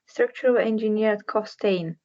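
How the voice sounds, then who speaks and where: A woman's voice: medium pitch, normal speed, darkish tone, highs cut off. A young woman from Bulgaria, a structural engineer, giving an earnest career talk to students, plain and searching for words at times.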